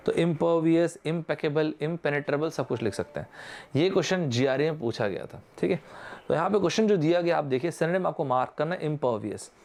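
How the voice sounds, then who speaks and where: A man's voice: a little high, gravelly. A man with an Indian accent teaching vocabulary in an online exam-prep lesson, switching between Hindi and English and quizzing his viewers. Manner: lively, mixes Hindi with English terms, quizzes viewers directly.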